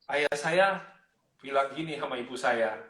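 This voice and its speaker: A man telling a personal story in a casual interview, lively, acting out other people's voices as he goes. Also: mid-range voice, measured pace, a crowd in the background, low-quality recording. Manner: animated, acts out the voices of his parents. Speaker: interview guest sharing life story.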